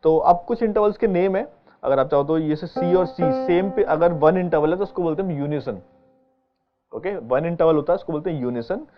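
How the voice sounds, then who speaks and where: Male music teacher, step-by-step explainer, fairly high voice, muffled recording with piano playing. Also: moderate pace. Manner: patient, explaining step by step with frequent check-ins. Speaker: keyboard teacher. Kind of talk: online music lesson. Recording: dull lo-fi sound with keyboard playing behind.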